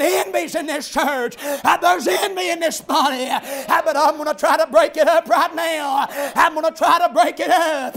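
In a church revival sermon, a man shouts in a chanting cadence, ending every phrase with "amen" and a rhythmic "ah." His voice is very high and carries vocal fry.

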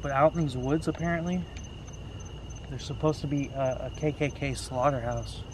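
A man's voice: medium pitch, steady tone, normal speed, background noise. A man co-hosting a ghost-hunting vlog, chatting eagerly and chiming in with reactions at a cemetery. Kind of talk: casual ghost-hunting commentary. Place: cemetery outdoors at night.

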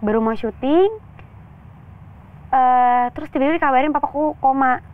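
A young woman actress, a guest in an interview, talking openly and telling a personal story in a chatty, animated way with quoted voices. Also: sits high, normal speed, clean tone, no room sound. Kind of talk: candid interview talk. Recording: tinny phone-like sound.

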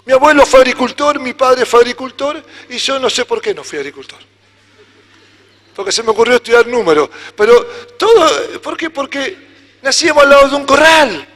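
A man with an Argentine Spanish accent preaching a sermon as pastor, animated, acting out little dialogues. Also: very high voice, normal speed. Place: church hall. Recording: church hall reverb.

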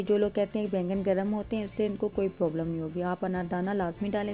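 A woman's voice: mid-range voice, mellow. A woman hosting her cooking channel, explaining a simple recipe step by step. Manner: plain step-by-step instruction with restarts. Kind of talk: voice-over cooking tutorial.

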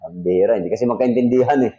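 A pastor teaches a Sunday school Bible lesson in a jokey, conversational way, speaking directly to his class. His mid-range voice is warm and quick, with the highs cut off.

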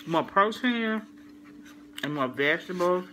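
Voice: medium pitch, animated, a little slow, a bit bright, a little hiss or hum, rough recording. A vlogger, talking while chewing, chatting casually to viewers in a rambling way with many fillers. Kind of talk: casual eat-with-me chat to viewers.

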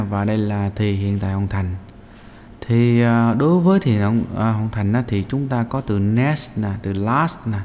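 A man's voice: medium pitch, darkish tone, in a large hall, slight background noise. A male English teacher going through a practice test answer by answer, explaining step by step with many hesitant fillers. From Vietnam.

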